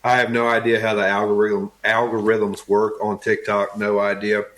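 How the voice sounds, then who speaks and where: A man's voice: lowish voice, monotone, moderate pace, fairly bright tone, poor audio. A man with an Appalachian accent chatting casually as an interview guest, in a folksy, plainspoken way. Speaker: interview guest, wood flooring tradesman.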